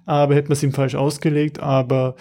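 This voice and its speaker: Middle-aged man, gravelly. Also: a little high, level tone, warm tone. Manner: reflective, halting with fillers. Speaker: podcast co-host. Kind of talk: casual chat.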